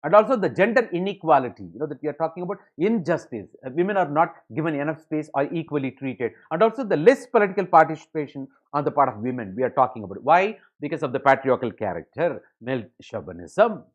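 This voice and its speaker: Fast-talking man lecturing. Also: a little high, very animated. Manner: rapid, filler-heavy, addresses students as ladies and gentlemen. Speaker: exam coaching educator. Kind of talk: online lecture. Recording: dull lo-fi lecture audio.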